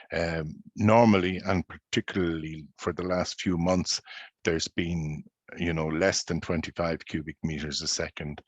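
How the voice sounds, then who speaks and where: A man giving an informal slide presentation on paddling the city's river channels, measured and explanatory with frequent ums and uhs. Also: low voice, no room sound. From Ireland.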